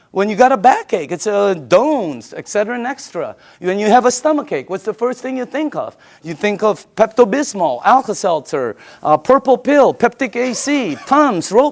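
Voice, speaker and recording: With a medium-pitched voice, a woman from the Philippines delivers a casual sales presentation. She is emphatic and repetitive, frequently posing rhetorical questions to listeners.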